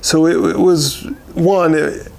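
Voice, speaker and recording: In an unscripted year-in-review interview, an American county sheriff talks in a gravelly, slightly high voice. His delivery is steady but halting, full of pauses and repeated words.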